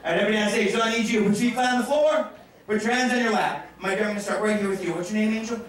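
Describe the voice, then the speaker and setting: A man's voice: high-pitched, rapid-fire, far from the mic, slight background noise. A man working as a stage hypnotist, joking brashly and crudely with volunteers on stage in front of a live audience. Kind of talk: live stage show patter. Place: stage in a large room before an audience. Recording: very echoey live room, captured from afar.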